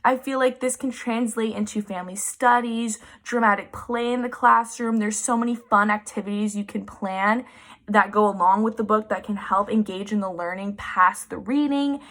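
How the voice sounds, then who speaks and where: A woman's voice: medium pitch, fairly even intonation, normal speed, fairly bright tone. A woman student reading a picture book aloud, then enthusiastically reflecting on it for a book report. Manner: upbeat and enthusiastic.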